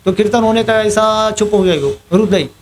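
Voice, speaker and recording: A man giving a scripture class in a temple, telling a story in a lively way, acting out what others said and laughing now and then. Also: high-pitched, normal speed, a little hiss or hum. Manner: animated storyteller acting out other people's quotes and laughing at his own story. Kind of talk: storytelling sermon. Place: temple hall.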